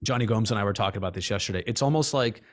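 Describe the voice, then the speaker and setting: A man's voice: lowish voice, rapid-fire. A man, a sports reporter guest on a podcast, making points animatedly with humorous comparisons in casual chat.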